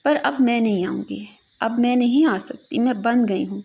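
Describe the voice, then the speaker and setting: A woman's voice: on the high side, vocal fry, warm tone, breathy edge, dull audio. A woman voicing a distraught young daughter. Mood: fervent. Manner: fervent, insistent, repeating her vow. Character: distraught young woman vowing to stay at a shrine.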